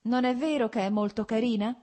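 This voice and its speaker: A doting elderly countess chatters fondly, gushing and slipping in bits of French, as a woman narrator puts her on. Her voice sits higher than the reader's own dark, husky tone, lively and affectionate. It is a storybook voice read aloud. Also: brisk, lightly acted. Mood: fond, chatty. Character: elderly Russian countess, fond, chatty mother.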